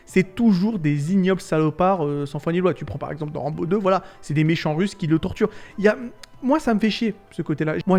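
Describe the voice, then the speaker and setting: Exasperated French-speaking man ranting. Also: high-pitched. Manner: animated, exasperated, swears freely. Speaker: video essay host. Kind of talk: casual ranting commentary.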